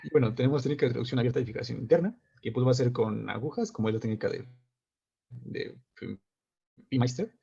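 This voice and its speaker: A man's voice: medium pitch, expressive, quick pace, vocal fry, warm tone, breathy edge, lo-fi sound. A young man presenting slides in class, adding tag questions. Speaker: medical student presenting.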